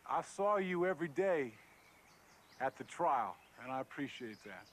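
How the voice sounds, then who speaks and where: An actor playing a remorseful, withdrawn man, halting and reticent, in a film drama. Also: a little high, very animated, a little hiss or hum. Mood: remorseful, resigned. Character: remorseful, withdrawn man leaving home after a trial. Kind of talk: naturalistic film drama acting.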